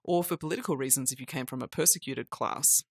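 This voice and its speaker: A woman's voice: very deep voice, fast talker, creaky, slightly rough, no room sound. Thoughtful woman podcast co-host, dry sound. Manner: thoughtful, explanatory. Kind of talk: casual conversation.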